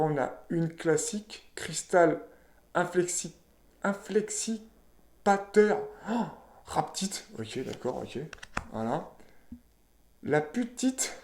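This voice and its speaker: Here a man gives laid-back unboxing commentary as he tears into trading card packs, naming the cards and saying "voilà" and "ok" often; he's the host of a card-opening video. His voice is a little high and a little mellow. There's slight background noise in a roomy, echoey space.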